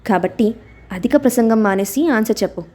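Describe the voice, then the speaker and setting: A woman doing a bossy boastful young celebrity guy, storybook reading, mellow fairly high voice. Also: fairly quick, natural voice.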